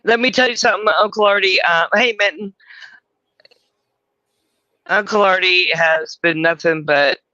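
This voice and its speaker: A woman's voice: mid-range voice, moderate pace, long pauses, bright, forceful tone, dry recording, dull audio. A middle-aged woman hosting a livestream, rambling and crude, mocking herself as she chats. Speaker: livestream host. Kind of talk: casual livestream chat.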